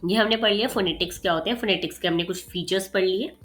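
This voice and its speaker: A woman teaching an exam revision lesson casually, often checking in with her students and mixing in English terms, with faint music behind her. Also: medium pitch. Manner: frequent check-ins of "theek hai" and "okay", mixing English terms; gets faster and louder when excited while explaining. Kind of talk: casual explanatory lecture.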